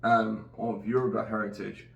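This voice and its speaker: A middle-aged Nigerian man hosts a casual podcast conversation, speaking earnestly and rambling with many restarts. His lowish, gravelly voice is flat and moderately paced, and the dull audio sounds roomy and distant from the mic.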